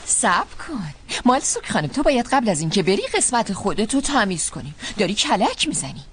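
A woman dubbing a drama role as an aunt who scolds her niece, reproachful and quick to tears. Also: mid-range voice, big pitch swings, fairly bright tone, slight background noise. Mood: scolding. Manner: reproachful, moves into sobbing. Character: scolding aunt, tearful, easily hurt. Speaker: voice actor. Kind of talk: dubbed drama acting.

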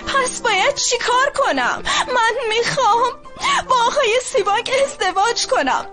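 Brief: a lovestruck young daughter, emotional and pleading, voice pitched very high, faint score behind. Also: female voice, lively intonation, over music. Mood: tearful. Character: lovestruck young woman defying her family. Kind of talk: Persian dubbing of a TV drama.

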